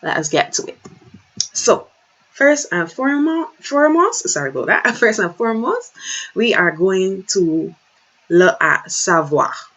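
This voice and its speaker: Slow patient lady teacher, lively up and down pitch, kinda dull lo-fi sound. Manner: slow, patient, repeats words for learners. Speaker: French teacher. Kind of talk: online language lesson. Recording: slightly dull lo-fi recording.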